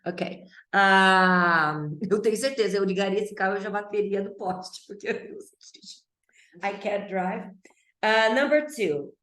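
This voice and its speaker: Slow-talking woman teaching English. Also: mid-range voice, a bit bright, roomy sound. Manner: chatty, playful, mixes Portuguese with English. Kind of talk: online English class.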